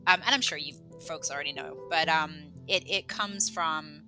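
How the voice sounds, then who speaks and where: Podcast guest: woman from England raised in Australia, lowish voice, rambling and self-deprecating, guitar music behind. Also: normal speed, rough recording. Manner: rambling, self-deprecating, many fillers and restarts. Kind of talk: casual conversational interview.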